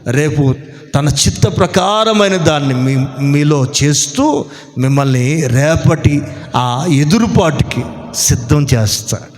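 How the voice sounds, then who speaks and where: A male pastor preaching a sermon with many rhetorical questions, speeding up when he argues and slowing down to stress key words. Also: fairly high pitch. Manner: animated preaching, rhetorical questions, slows for emphasis. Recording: long hall reverb.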